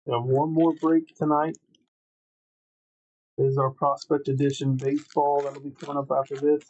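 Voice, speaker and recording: A man's voice: on the high side, little pitch movement, normal speed, darkish tone, lo-fi sound. A man hosting a livestreamed trading card break, calling out names matter-of-factly in short clipped phrases.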